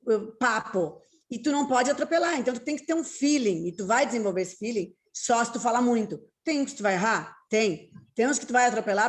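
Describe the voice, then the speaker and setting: A woman guest, talking earnestly and repeating her points for emphasis. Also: a little high. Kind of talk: casual interview talk.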